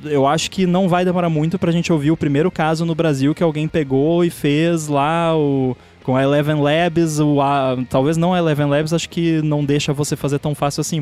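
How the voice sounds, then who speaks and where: A man's voice: on the high side, darkish tone. A man, chatting casually as a podcast host and laughing often. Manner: chatty, laughs often, gives practical advice. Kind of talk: casual chat.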